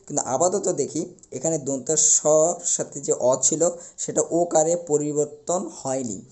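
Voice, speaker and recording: A young man teaching a recorded class, explaining step by step and slowly repeating the key words. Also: fairly high pitch, dark tone.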